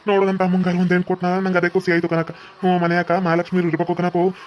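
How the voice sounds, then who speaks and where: Actor voicing a fretful cartoon village uncle, North Karnataka accent, very fast, flat delivery. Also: medium pitch, a little hiss or hum, close to an everyday voice. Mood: fretting. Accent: North Karnataka Kannada. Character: middle-aged village man, worried uncle.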